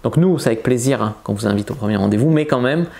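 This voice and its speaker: A man coaching viewers on dating in a loose, chatty way. His talk is blunt and full of slang, and he states his opinions flatly as he talks straight to the camera. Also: mid-range voice, fast talker, gravelly. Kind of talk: casual advice video to camera.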